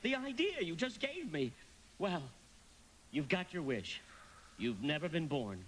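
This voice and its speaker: An earnest, fussy little guardian angel from a live radio play, naive and polite. His voice sits fairly high and swings about freely as he hesitates through his lines. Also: big pitch swings, unhurried, a bit bright, slight background noise. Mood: eager.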